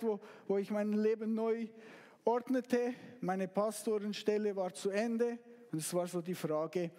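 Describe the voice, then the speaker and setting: A male pastor preaching a sermon that retells a story as a slow, dramatic narration, with sudden loud outbursts. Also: high voice, in a large hall.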